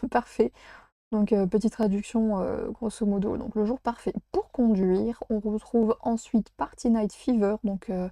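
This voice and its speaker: A woman's voice: medium pitch, warm tone, dry recording, clean studio sound. A woman hosting a casual toy unboxing, talking chattily with frequent hesitations. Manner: chatty, hesitant with many fillers, laughs at herself. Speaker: unboxing vlogger.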